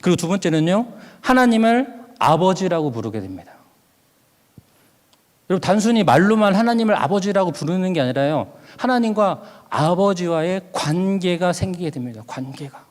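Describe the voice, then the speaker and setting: A man's voice: sits high, sing-song, moderate pace, darkish tone. A middle-aged male pastor preaching a sermon, telling a personal story and acting out his own past words. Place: church sanctuary. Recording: long hall reverb.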